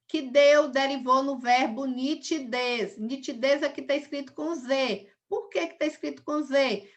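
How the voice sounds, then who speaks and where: A woman's voice: high voice, bright, forceful tone. A woman, a primary school teacher giving a recorded video lesson, patiently repeating each example step by step.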